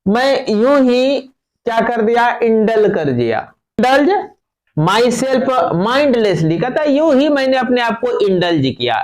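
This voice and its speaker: A man teaching a class, explaining an English textbook passage in Hindi. He reads English phrases slowly, then explains them quickly, checking with the students. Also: very high-pitched, big pitch swings, darkish tone.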